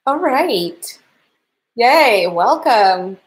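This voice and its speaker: With a fairly high pitch, big swings in intonation and drawn-out words, a woman in her thirties wraps up her livestream painting class. She's the instructor, a Canadian with a Russian accent, chatting in a friendly, upbeat way from her home art studio indoors.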